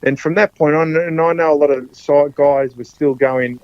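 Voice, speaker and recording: A man with an Australian accent in his fifties tells stories in a loose, rambling way, stumbling over and repeating his words. His voice sits a little high. The sound is dull and dry. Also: fairly even intonation, moderate pace, no echo. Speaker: podcast guest, former rugby league player. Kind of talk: casual storytelling.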